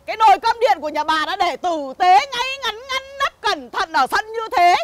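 A woman playing a hot-tempered village mother who curses a thief in shrill, rhythmic rants. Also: lively intonation, quick pace, heavy background noise. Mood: cursing. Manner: shrill, ranting, rhythmic cursing. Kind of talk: comedy sketch acting.

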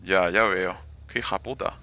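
A man's voice: sits low, fairly even intonation, moderate pace, pushed and bright. A young man commenting live on his gameplay, swearing and taunting the other players.

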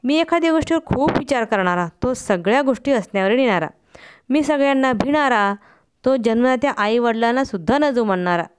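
A woman reads a short story aloud in a steady, expressive way, like a channel host sharing literature. Her voice is smooth and resonant and sits slightly high. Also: fairly quick.

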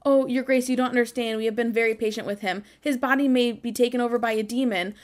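A woman's voice: fairly high pitch, steady tone, quick pace, lightly acted. A woman voicing a worried peasant from a medieval video game, pleading in an earnest, emphatic way. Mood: insistent. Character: worried, insistent peasant pleading before the king. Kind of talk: reading game dialogue aloud.

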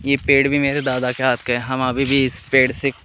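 Outdoors on a dry, tree-lined farm, a young man films himself on a phone at arm's length, chatting to viewers like friends as he tours the place. His mid-range voice is monotone, bright and forceful, fairly quick, with slight background noise.

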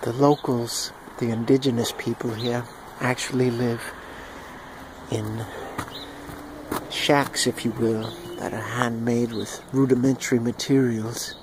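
A man narrating a home video in a hushed, mock-solemn wildlife documentary manner, outdoors in a yard. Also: mid-range voice, flat delivery, unhurried. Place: outdoors in a yard with chickens and dogs. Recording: outdoor noise with bird calls.

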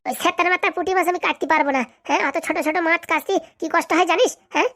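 A woman voicing a bossy, sharp-tongued cartoon wife who scolds and insults her husband. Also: high-pitched, rapid-fire. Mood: scolding. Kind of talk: comic cartoon dubbing.

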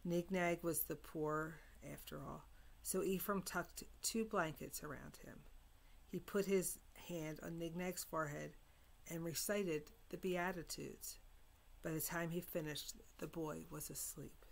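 A woman reading a chapter of a novel aloud, giving the dialogue quiet voices in a measured, even delivery. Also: low voice, vocal fry. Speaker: reader.

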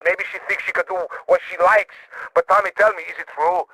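Video game role: melodramatic Latin American colonel, higher-pitched, dry close sound, theatrical and courteous. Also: male voice, fairly even intonation, a little fast, sharp tone, slightly rough, no room sound, exaggerated voice, rough recording. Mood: anxious, scandalised. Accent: Latin American Spanish. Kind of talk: video game character phone dialogue.

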